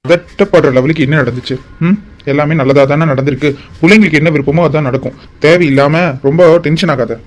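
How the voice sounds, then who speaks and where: A man's voice: fairly high pitch, natural voice. A man voicing a stern middle-aged father in a cartoon drama, scolding his scheming wife. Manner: rapid, scolding. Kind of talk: Tamil cartoon drama voice acting.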